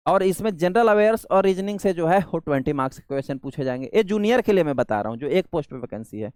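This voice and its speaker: A man's voice: on the high side, animated, fast talker, a little mellow, clear, resonant tone, no echo, clean studio sound. A man teaching an exam-prep lecture, speaking earnestly and calling his students sir and beta. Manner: earnest, addresses viewers as sir and beta, mixes in English. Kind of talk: coaching lecture on a job vacancy.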